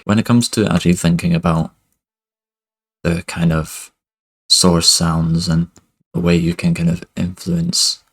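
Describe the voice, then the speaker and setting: A young man with a low, gravelly, slightly rough voice teaches music production via screen recording, loose and relaxed, peppering his speech with "kind of" and "basically." He talks into a headset mic in his home studio, with a webcam inset on the tutorial.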